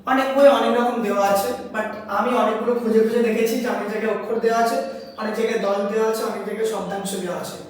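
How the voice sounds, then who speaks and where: A woman's voice: a little high, fairly even intonation, racing. A woman teacher with a Bengali accent explains step by step, asks her students questions and sounds out words syllable by syllable. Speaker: English grammar teacher. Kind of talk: classroom lesson. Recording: echoey hall, voice from a distance.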